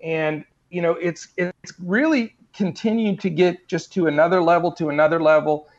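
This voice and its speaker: A man's voice: a little high, moderate pace, lo-fi sound. A man giving fantasy basketball advice as a podcast guest, talking earnestly and repeating himself with lots of fillers. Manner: earnest, repetitive, full of fillers. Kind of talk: casual interview advice.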